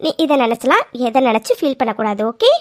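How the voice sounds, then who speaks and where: A doting cartoon grandmother, played by a woman with a high, bright-pitched voice, coaxing her family with gentle scolding. She keeps checking in with tag questions. The sound is close and dry, with no room around it. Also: very animated, fast, no echo. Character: affectionate elderly grandmother, doting and reassuring. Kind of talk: animated serial voice acting.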